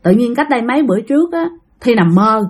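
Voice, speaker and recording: A woman's voice: on the high side, lively intonation, fast, husky. A woman telling a spooky story in a casual, chatty way, speaking straight to her listeners. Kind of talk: casual spoken ghost story.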